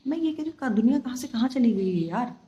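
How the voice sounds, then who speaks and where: Woman, 30s, emphatic frustrated vlogger, slightly high and mellow. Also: animated, fast. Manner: exasperated, emphatic, mixing English into Hindi. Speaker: vlogger, former flight attendant. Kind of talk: candid personal vlog monologue.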